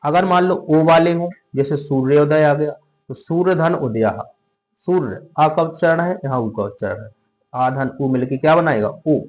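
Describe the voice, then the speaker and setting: A man's voice: a little high, moderate pace, darkish tone, low-quality recording. A man teaching a class, patient and repetitive, often asking the students questions. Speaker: tutor. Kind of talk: classroom lesson explaining grammar rules.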